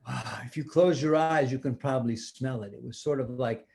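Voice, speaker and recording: A man's voice: medium pitch, normal speed, creaky, darkish tone. An older man telling a rambling, improvised story to children like a grandfather, often restarting and talking to the listening kids.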